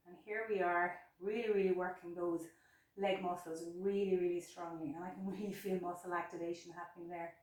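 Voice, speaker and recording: A woman's voice: medium pitch, darkish tone. A woman teaching yoga poses in a chatty, instructive way, a little out of breath, recorded from a distance. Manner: chatty, instructive, repeats words for emphasis. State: slightly out of breath. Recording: very echoey room, mic far off.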